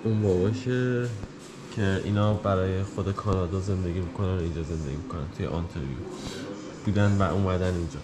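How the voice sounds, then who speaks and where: A man in his thirties casually narrating a travel vlog while walking around an outdoor heritage village, filmed on a handheld camera. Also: low voice. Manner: relaxed, thinking aloud while walking around. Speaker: travel vlogger. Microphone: handheld action camera. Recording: noisy outdoor ambience.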